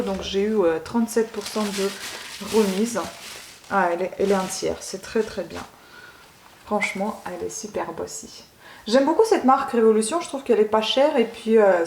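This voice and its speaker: A woman unboxing beauty products at home in a casual vlog, gushing over each item and pausing often with filler sounds. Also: mid-range voice, darkish tone, roomy sound, slight background noise. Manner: gushing, keeps saying she loves it; hesitant, many filler sounds. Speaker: beauty vlogger.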